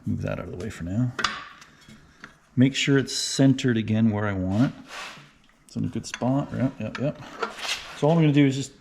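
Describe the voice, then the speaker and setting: Gravelly-voiced man talking through shop work. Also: mid-range voice, normal speed, pauses often, background noise. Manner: chatty, thinks out loud, frequent "right?" check-ins. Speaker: car restoration vlogger. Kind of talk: casual how-to narration while working.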